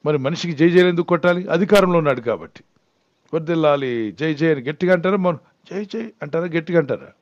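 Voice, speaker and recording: A man's voice: a little high, animated, very fast, no room sound, lo-fi sound. A man speaking as a pastor in a Bible question-and-answer talk, earnest and often putting questions to the listener before answering them. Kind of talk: Bible Q&A teaching.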